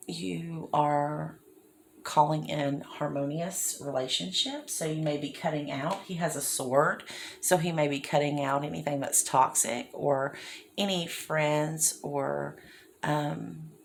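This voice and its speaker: A woman's voice: low-pitched, creaky, slight background noise. A woman giving a casual tarot reading, chatty and often checking in with the listener. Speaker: tarot reader. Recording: echoey room.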